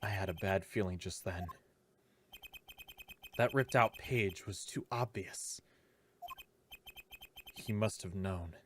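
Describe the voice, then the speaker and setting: A man's voice: sits low, slow, long pauses, fairly bright tone, slight background noise, pitched below the performer's own voice. A man voicing a wary, brooding defense lawyer as he reads video game dialogue aloud.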